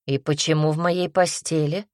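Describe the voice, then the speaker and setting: A woman's voice: low voice, steady tone, normal speed, a little mellow, no echo, studio quality, natural voice. A woman voicing a sullen young male werewolf husband who asks blunt, suspicious questions. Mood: gruff.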